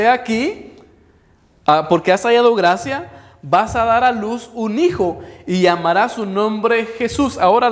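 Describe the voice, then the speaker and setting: A man preaching a sermon to a congregation, teaching as he goes, quizzing his listeners and having them repeat words after him, and slowing down whenever he reads scripture aloud. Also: sits high. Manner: slows down when reading scripture aloud. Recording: long hall reverb.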